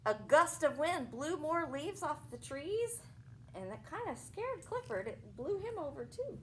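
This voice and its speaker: An animated woman with a higher-pitched voice reads a picture book aloud to young children as their teacher, at a measured pace. She phrases things simply for little ones, with asides and questions along the way. The audio is poor, with slight background noise.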